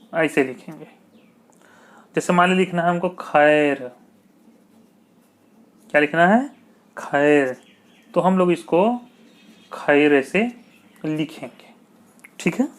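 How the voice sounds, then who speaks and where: A man teaching an exam-prep grammar lesson, repeating key points and asking checking questions. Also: a little high. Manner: slow, repetitive, asks checking questions.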